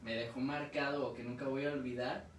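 A man's voice: medium pitch, fairly even intonation, brisk, a little hiss or hum. Slangy Mexican man, roomy and distant. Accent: Mexican Spanish. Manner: slangy, swears freely, retells stories with restarts. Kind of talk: casual chat. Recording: echoey room, voice from off-mic.

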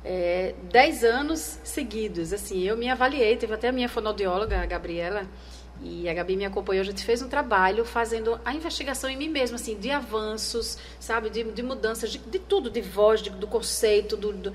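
A woman from Brazil with a Northeastern Brazilian accent, a former TV news anchor telling stories in an interview, animated and acting out remembered voices. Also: fairly high pitch, fairly quick, slight background noise. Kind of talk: conversational interview.

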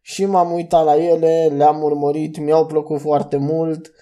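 A man's voice: a little high, level tone, dark tone. A young man hosting a solo podcast, reviewing cartoon episodes in a loose, rambling way with restarts and fillers. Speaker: podcast host.

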